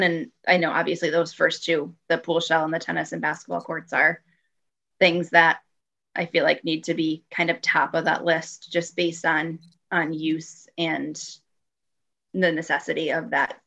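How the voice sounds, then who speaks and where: Female staffer at a meeting; lower, gravelly voice with a bright edge. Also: level tone, normal speed. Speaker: parks and recreation staff. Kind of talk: public meeting discussion.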